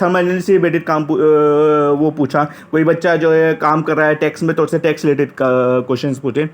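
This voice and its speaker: Young man, slightly high pitch, from Uttar Pradesh; casual first-person storytelling, chatty, self-correcting. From Uttar Pradesh, India. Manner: chatty, retells dialogue, frequent restarts. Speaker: interview candidate recounting experience.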